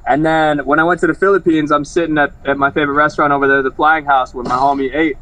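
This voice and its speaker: A man's voice: on the high side, steady tone, fast talker, bright, forceful tone, rough recording. A man, a fighter, chatting casually in an interview in a laid-back, rambling way full of slang and fillers.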